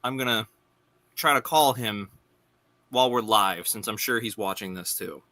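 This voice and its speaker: Low, very bright, forceful male wrestler. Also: moderate pace, no echo. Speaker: wrestling champion, panel guest. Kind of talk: in-character wrestling promo interview.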